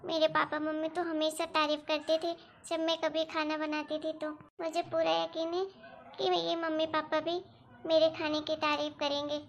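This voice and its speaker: A very high, soft-spoken young bride in a cartoon story, eager to please, played by a woman. Her sweet, pleading voice sounds earnest and a little anxious. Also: monotone, moderate pace, lo-fi sound, slight background noise. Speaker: daughter-in-law. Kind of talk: animated story voice acting.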